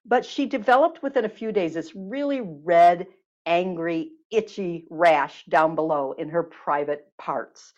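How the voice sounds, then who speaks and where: Lively storytelling woman, lo-fi sound. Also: on the low side, a little slow. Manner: warm, lively storyteller, many fillers. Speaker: guest teacher on body healing. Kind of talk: storytelling and guided exercise. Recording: dull lo-fi sound.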